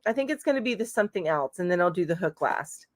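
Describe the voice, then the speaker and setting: Speaking fast with lively intonation in a fairly low voice, a middle-aged crochet channel host reads viewer comments aloud during a live chat stream from home. She responds chattily with frequent fillers, and the audio is dry and clean, like a studio.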